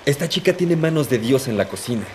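An actor playing a loyal, protective palace head cook in a dubbed period drama, deferential and persuasive. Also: male voice, medium pitch, animated, fast talker, darkish tone, a little hiss or hum, natural voice. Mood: obsequious.

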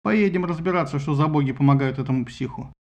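A man voicing a calm, reassuring young warrior. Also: on the high side, quick pace, close to an everyday voice.

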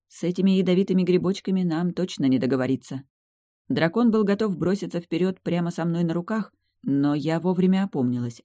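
A woman narrating a first-person fantasy audiobook in a lively, expressive way. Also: low voice, no room sound, clean studio sound.

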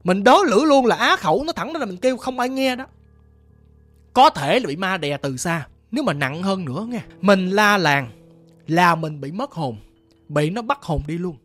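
A woman's voice: on the low side, lively intonation, moderate pace, soft background music. Woman telling a ghost story. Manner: chatty, addresses listeners directly. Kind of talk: first-person ghost story narration.

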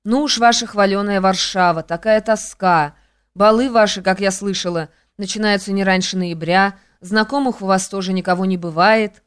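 Lady doing bored snooty countess, careless mocking drawl, smooth voice. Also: mid-range voice, steady tone, moderate pace, lightly acted. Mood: haughty. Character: haughty, bored young countess.

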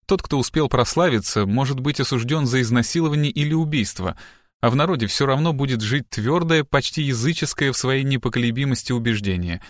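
A man reading a novel aloud as audiobook narrator in an even, measured way. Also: medium pitch, no echo, studio quality. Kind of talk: scripted narration.

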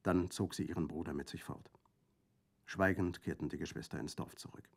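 A man narrating a classic novel in a measured, even storytelling manner. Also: deep voice, creaky. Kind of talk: scripted audiobook narration.

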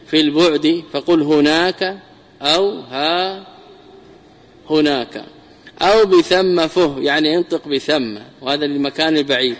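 A man's voice: fairly high pitch, fairly bright tone, big-room sound. A man giving a classical grammar lesson, repeating key words and drawing them out for emphasis. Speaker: teacher of Arabic grammar.

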